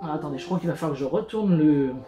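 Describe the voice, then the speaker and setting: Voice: mid-range voice, expressive, rapid-fire. A YouTube host in a casual unboxing vlog, chatty and hesitant, with many fillers and restarts, narrating each step while handling the box. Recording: echoey room with faint music.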